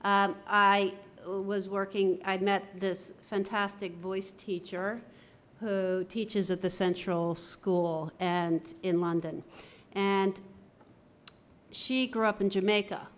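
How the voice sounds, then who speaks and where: A woman's voice: medium pitch, steady tone, slow, a bit bright. A woman theatre professor giving a conference presentation, conversational and enthusiastic, often correcting herself as she goes.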